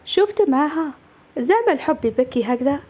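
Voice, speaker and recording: A woman's voice: high-pitched, animated, fairly quick, a little mellow. A woman voicing a lovesick young woman in a told story, pleading and earnest. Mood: tearful, pleading.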